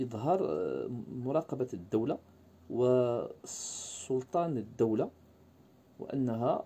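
A man lecturing, often pausing on fillers and asking his listeners rhetorical questions. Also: mid-range voice, warm tone, breathy edge. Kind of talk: university-style lecture.

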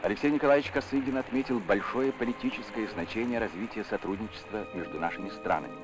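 A man's voice: lowish voice, fast. A man narrating a 1960s newsreel with a formal, declamatory announcer delivery, old newsreel sound. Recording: narration over loud music.

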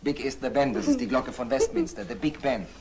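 A man's voice: mid-range voice, wildly swooping pitch, brisk, creaky, a little mellow, a little hiss or hum. An actor playing an earnest, protective male language tutor who corrects his pupils, in old German film acting. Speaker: language teacher.

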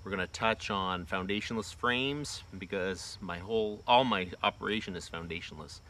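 In a low-pitched, bright, forceful voice at a moderate pace, a man in his forties runs a casual how-to for his homesteading vlog, with a slight hiss or hum audible. He speaks plainly with loads of loose fillers, standing outdoors in a wooded bee yard. A phone held close records him while crickets and insects buzz.

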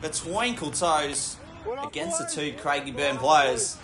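A man giving football match commentary in measured phrases that lift with the play. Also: a little high, wildly swooping pitch, a crowd in the background. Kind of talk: sports commentary. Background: music.

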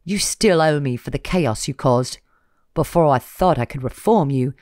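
A reader voicing a gravelly, menacing male nobleman who taunts and threatens loudly. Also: medium pitch, expressive, normal speed, no room sound, studio quality, close to an everyday voice. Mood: vengeful.

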